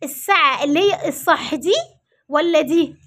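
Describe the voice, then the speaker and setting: A woman teacher with an Egyptian accent, giving a lively classroom lesson and coaxing pupils to answer her repeated questions. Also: high voice, normal speed. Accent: Egyptian Arabic. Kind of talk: classroom lesson with call-and-response.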